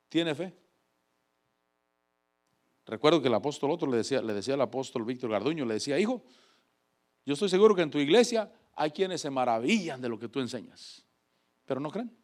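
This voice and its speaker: A man preaching a fervent sermon, calling on the congregation to repeat after him and swinging between loud exhortation and soft asides. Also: high-pitched.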